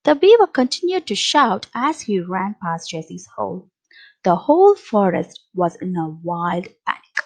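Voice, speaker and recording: A woman reading a children's picture book aloud, with slow, expressive storytelling. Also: mid-range voice, creaky, low-quality recording.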